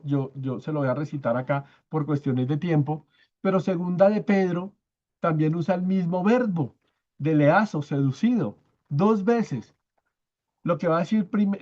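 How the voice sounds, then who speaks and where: This man's voice is a little high and darkish, captured on his own microphone with the top end cut off. He teaches a church Bible study one step at a time, often checking that his listeners are following and stressing key words by repeating them slowly.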